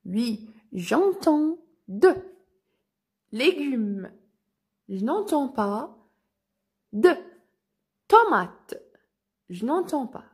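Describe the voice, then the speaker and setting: Slow, husky woman teaching phonics. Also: high-pitched, very animated, warm tone. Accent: North African French. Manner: slow, clearly spelling out syllables. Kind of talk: slow phonics lesson for children.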